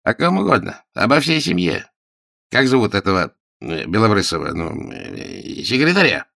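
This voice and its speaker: A man's voice: fairly low pitch, very animated, moderate pace, vocal fry, sharp tone, dry recording, clean studio sound, exaggerated voice. A man voicing a tipsy, over-familiar male private detective who gossips, in an audiobook. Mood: gossiping. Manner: drunken, over-familiar, giggly. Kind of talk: audiobook character voice.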